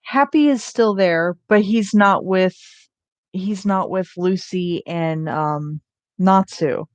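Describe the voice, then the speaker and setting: A woman's voice: on the low side, slow pace, no room sound. A young woman in casual, rambling chat, full of ums and restarts, with the odd curse thrown in. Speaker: vlogger.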